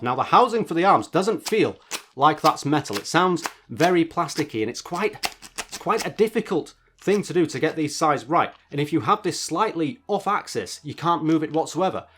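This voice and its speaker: A man's voice: a little high, a bit bright. A man presenting a product review in a casual, chatty narration with wry asides.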